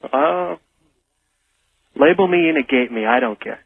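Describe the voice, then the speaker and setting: A man's voice: on the high side, unhurried, creaky, slightly rough. A man calling into a radio show, precise and insistent as he argues over definitions. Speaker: caller. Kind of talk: arguing on a call-in radio show. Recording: dry, tinny phone line.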